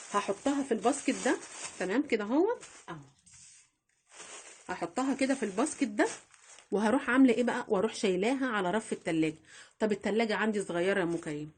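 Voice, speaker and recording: Household budgeting is the topic of this chatty, casual instructional vlog, led by a woman with an Egyptian Arabic accent who repeats phrases and talks directly to her audience. Her voice is a little high and husky.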